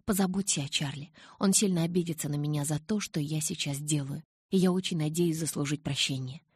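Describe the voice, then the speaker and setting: A woman narrator voicing a calm, protective young man who gives measured, reassuring instructions. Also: sits low, husky, no room sound, clean studio sound.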